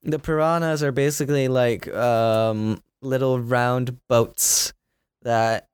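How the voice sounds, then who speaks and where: A man hosting a casual podcast chat with friends, playful and quick to laugh. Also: mid-range voice, fairly even intonation, a little hiss or hum. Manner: laughs a lot, playful, steers the talk. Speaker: podcast host.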